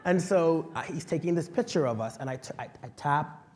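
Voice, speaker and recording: A young adult man from the Bahamas tells a personal story as a panel speaker, passionate and vocal, swinging between quiet asides and loud outbursts. His voice is a little high and fairly quick, with slight background noise.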